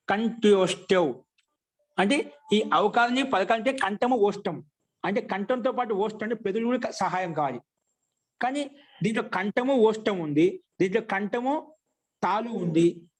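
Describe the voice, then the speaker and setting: A man giving a grammar lesson, asking questions and answering them himself, and slowly chanting rules. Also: high voice. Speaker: Sanskrit grammar teacher. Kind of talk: classroom lecture.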